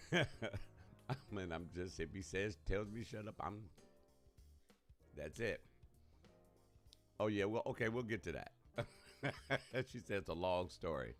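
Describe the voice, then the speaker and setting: Male radio host, very low voice, chatty and laid-back, faint music underneath. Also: lively intonation, slow pace, long pauses. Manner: chatty, laughs often, colloquial. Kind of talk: casual live radio talk.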